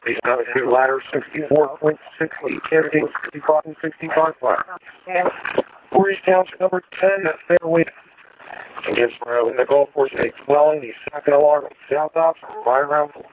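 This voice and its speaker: A man's voice: fairly high pitch, normal speed. A man announcing fire alarms over the radio in formulaic dispatch phrases. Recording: dull radio with faint static, clicks.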